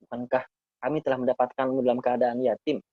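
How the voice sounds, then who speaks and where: Talking fast at a medium pitch, this Quran teacher walks friends through Arabic verses one phrase at a time, repeating the key words. His manner is easygoing and conversational. The lo-fi audio lacks room sound and comes across a little dull.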